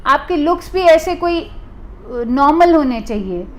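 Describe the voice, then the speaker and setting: A woman from India who runs a private detective agency, explaining to the camera in a deliberate way and restating her points for emphasis. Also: high-pitched, lively intonation.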